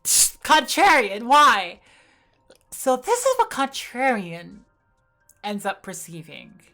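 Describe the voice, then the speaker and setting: A woman's voice: on the high side, wildly swooping pitch, slow pace, sharp tone, faint music behind. A woman game streamer giving casual, hesitant, reactive live commentary as she plays.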